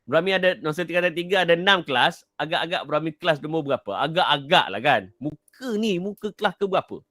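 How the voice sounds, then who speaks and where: A man's voice: a little high, animated, fast, bright, forceful tone, no echo, studio quality. A middle-aged man from Kelantan, Malaysia, giving a live online motivational talk. He repeats his key points, quizzes listeners and reads their answers from the chat. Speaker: motivational speaker.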